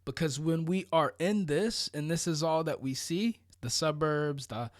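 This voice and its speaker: Measured in pace and a little high in pitch, an American vlogger from Florida offers casual motivation. There's no echo, just clean studio sound. He stays conversational and emphatic, frequently checking in through rhetorical questions and side remarks.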